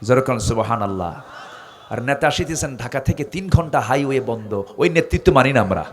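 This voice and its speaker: A preacher from Bangladesh giving a sermon, moving between quiet asides and loud calls for the crowd to answer, and slowing into drawn-out chanted recitation. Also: male voice, medium pitch, expressive.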